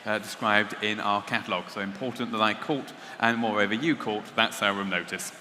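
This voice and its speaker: A man's voice: lowish voice, fairly even intonation, a little fast, sharp tone. A man announcing lots at an auction, reading catalogue descriptions aloud. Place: large auction room. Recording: echoey auction hall, faint background noise.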